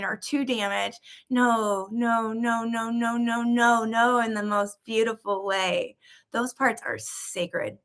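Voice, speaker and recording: Gushy spiritual lady hosting a live chat, keeps repeating herself, bright voice. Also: medium pitch. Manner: effusive and gushing, repeats words for emphasis; earnest, uplifting. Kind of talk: casual live-stream talk to viewers.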